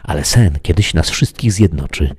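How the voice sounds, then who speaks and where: A man's voice: very deep voice, lively intonation, moderate pace, a little mellow, slightly rough, no echo, clean studio sound, full character voice. A man reading aloud, voicing a dead young woman who pleads with her lover in a raised, strained voice. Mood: haunting.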